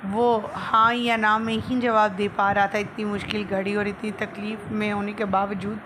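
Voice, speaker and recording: A woman with a Pakistani accent hosts an online video channel, narrating news in a presenter's style. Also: on the high side. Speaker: YouTube channel host. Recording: clearly noisy background.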